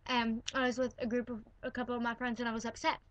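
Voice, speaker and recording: A woman's voice: fairly high pitch, little pitch movement, fast, no room sound. A teenage girl ranting from her bedroom in an indignant, sarcastic way, filling her talk with "like" and "all right?". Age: teens. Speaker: vlogger. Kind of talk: ranting to camera.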